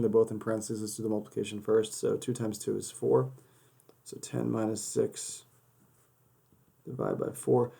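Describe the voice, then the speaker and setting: A man's medium-pitched, dark voice carries vocal fry as he talks through math problems one step at a time, casually, while losing his voice. The worked-example lesson is recorded by a camera over a desk filming paper and hands.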